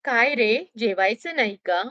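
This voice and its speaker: A woman voicing a grown male shop worker who gives instructions in a gruff, caring way. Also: fairly high pitch, lively intonation, unhurried, no echo, muffled recording. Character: kindly senior shop worker, grown man.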